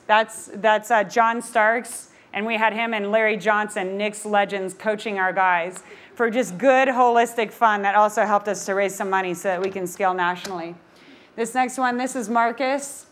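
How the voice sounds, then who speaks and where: Passionate woman giving a stage talk. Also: mid-range voice. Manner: passionate, energetic. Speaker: nonprofit founder giving a talk. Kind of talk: stage talk presenting slides.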